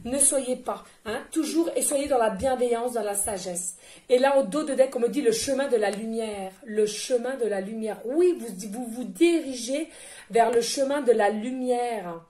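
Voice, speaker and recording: Chatty high-voiced woman medium, roomy echo. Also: moderate pace, mellow. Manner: chatty, rambling, laughing, addresses listeners as friends. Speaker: medium giving oracle card readings. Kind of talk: casual spiritual card reading.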